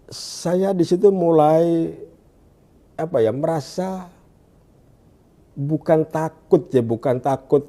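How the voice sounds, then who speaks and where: In a conversational interview, a hesitant Indonesian man with a mellow voice gives his testimony as a guest, searching for words and restarting haltingly. When quoting, he drops to a hushed, low voice.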